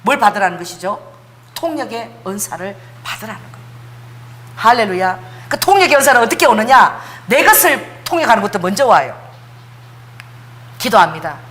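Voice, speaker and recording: A middle-aged woman preaching a sermon, animated storytelling with acted quotes and praying in tongues. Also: medium pitch, moderate pace, pauses often.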